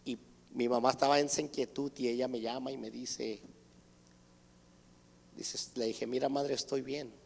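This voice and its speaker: A man's voice: medium pitch, flat delivery, moderate pace, gravelly, pauses often, darkish tone, a little hiss or hum. A man giving an earnest church testimony, retelling conversations with his mother and others. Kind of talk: sermon testimony. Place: church hall. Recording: church hall reverb.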